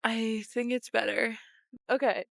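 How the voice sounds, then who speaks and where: Standing out in the cold beside a train line, a young podcast host chats on her own and laughs at herself between phrases. Her fairly high, gravelly, slightly bright voice stays flat in pitch and unhurried. The camera mic is close up, and the sound is dry and studio-clean.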